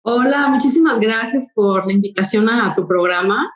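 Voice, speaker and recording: A woman from Mexico City, a podcast guest, tells her story conversationally, with hesitant fillers and quick bursts. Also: a little high, reverberant, poor audio. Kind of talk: interview storytelling.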